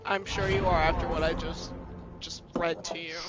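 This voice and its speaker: A woman chatting casually with friends while gaming, loud, teasing and swearing a lot. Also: on the low side, level tone, normal speed, loud music behind the voice. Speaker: gamer in voice chat.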